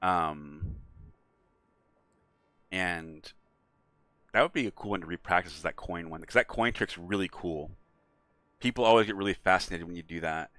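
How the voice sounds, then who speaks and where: A man's voice: lowish voice, bright, forceful tone, dry recording. A man streaming a video game, chatting casually in a rambling, playful way. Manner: rambling, playful, chuckles often. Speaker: let's player streaming to chat. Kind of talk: casual chat over gameplay.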